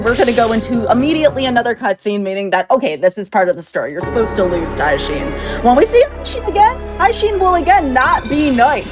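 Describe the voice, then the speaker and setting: A woman giving chatty, upbeat live commentary on her own speedrun, laughing often. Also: a little high. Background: game music.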